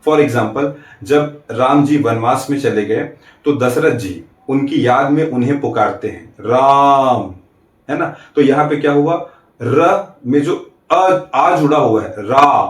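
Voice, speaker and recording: A man's voice: mid-range voice, measured pace, distant mic. A male teacher giving an exam-prep grammar lesson, explaining step by step with rhetorical check-ins and drawing out vowels to demonstrate. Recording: roomy, from off the mic.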